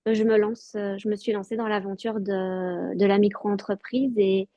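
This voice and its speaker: A woman giving a halting, earnest personal testimony over a video call. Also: medium pitch, little pitch movement, warm tone, no room sound, lo-fi sound. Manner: halting, many fillers and restarts, earnest. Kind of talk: personal testimony in an online talk.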